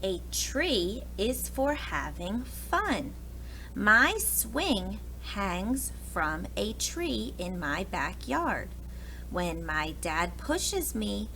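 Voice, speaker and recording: A sharp-toned, medium-pitched voice, very animated and drawing out its words, belongs to an American preschool teacher. She reads a picture book to young children expressively, asking questions and making asides over clearly audible background noise.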